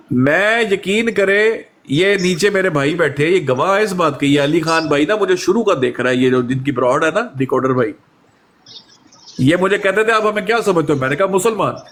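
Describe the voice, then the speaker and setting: A man, chatting in an interview and telling animated stories, often acting out the quoted exchanges. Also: on the high side. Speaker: guest. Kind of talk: casual conversational interview.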